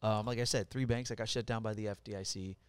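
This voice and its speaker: On a casual podcast recorded in an office studio, a middle-aged mortgage lender from Puerto Rico talks bluntly, swearing freely through energetic stories. His voice is fairly low and quick. The tone is clean, with no room sound.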